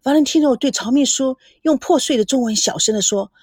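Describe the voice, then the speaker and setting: A woman narrating a novel in an expressive, dramatic way. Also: sits high, a little fast, breathy edge, no echo, studio quality. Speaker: audiobook narrator.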